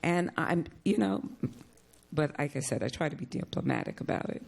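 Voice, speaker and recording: A woman's voice: deep voice, expressive, normal speed, vocal fry, darkish tone. A woman on a discussion panel telling stories with animation and acting out quoted voices.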